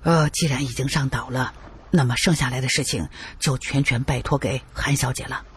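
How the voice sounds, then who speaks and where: A man's voice: mid-range voice, steady tone, normal speed, a bit bright, slightly rough, pitched below the performer's own voice. A male storyteller voicing a cautious middle-aged lawyer who talks carefully and hesitates with fillers.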